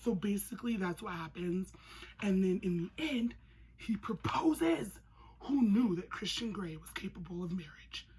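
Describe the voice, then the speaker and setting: A young woman giving a casual, comedic recap in an animated, sarcastic way, with slangy phrasing and a husky, breathy voice. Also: mid-range voice, unhurried, slight background noise, rough recording. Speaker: movie reviewer.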